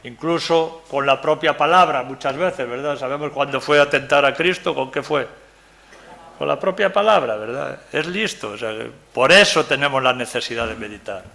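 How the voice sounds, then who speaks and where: An older preacher with a gravelly, bright voice leads a Bible study. He talks in a chatty, joking way and keeps checking in with his listeners. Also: medium pitch, moderate pace. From Galicia, Spain. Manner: conversational, keeps asking "¿verdad?", jokes with the audience. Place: church meeting room.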